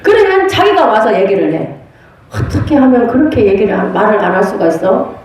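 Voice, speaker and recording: A pastor's wife teaches a church prophecy class with a fairly high, lively voice. She tells stories in an animated way and laughs often. Her voice rings through a very echoey church hall. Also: fairly quick. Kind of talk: church lecture with storytelling. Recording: very echoey room.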